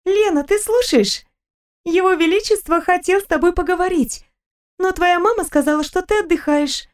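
A woman voicing a cheerful, chatty young fairy-tale princess in an audiobook, with a high, eager voice. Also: normal speed. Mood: concerned.

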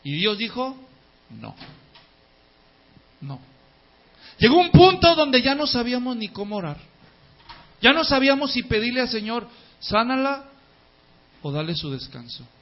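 Male pastor, high-pitched, emphatic sermon delivery, dull lo-fi sound. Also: big pitch swings, fairly quick. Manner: emphatic, repeats key words in lists, swings from loud to soft.

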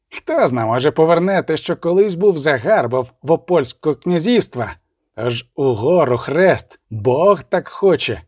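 A man's voice: on the high side, a little mellow, no room sound, clean studio sound. A man voicing a proud, furious duke who threatens and blusters in an audiobook reading. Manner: blustering, menacing.

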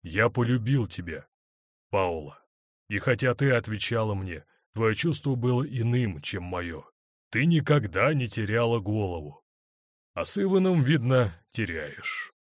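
A man's voice: fairly low pitch, sing-song, a little slow, no echo, studio quality. A man voicing a hurt, wry husband. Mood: stern. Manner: bitter, wry, controlled. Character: hurt middle-aged husband, wry and stern.

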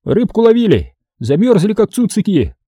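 A man voicing a cocky, coarse male adventurer who talks loudly and mockingly. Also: sits high, big pitch swings, normal speed, slightly rough, dry recording, clean studio sound, pitched above the performer's own voice, full character voice. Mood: brash. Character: brash rough-talking male adventurer, cocky.

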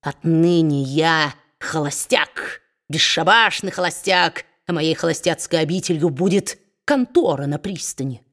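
Woman doing a sneering gruff dwarf man. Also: sits low, a little slow, a bit bright. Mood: gloating. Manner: sneering, gloating, growling. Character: spiteful mocking male dwarf, gruff and low.

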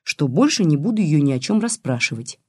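A man's voice: a little high, big pitch swings, fairly quick, husky, no room sound, studio quality. A reader voicing a polite detective man. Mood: placating. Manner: placating, polite. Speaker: private detective.

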